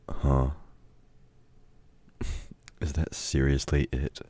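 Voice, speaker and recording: An actor gives a full character voice as a domineering, taunting male villain, a grudging temporary ally of the heroes, in a scripted, dramatic intimate audio roleplay. Gruff and commanding, he mocks a meek listener in a taunting, incredulous mood. His voice is very deep, dark and husky.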